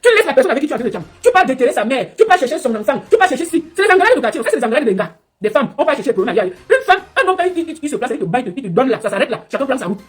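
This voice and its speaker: A woman's voice: high-pitched, very animated, slightly rough. A woman giving a scolding, mocking live commentary. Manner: scolding, mocking, rapid-fire. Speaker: livestream commentator.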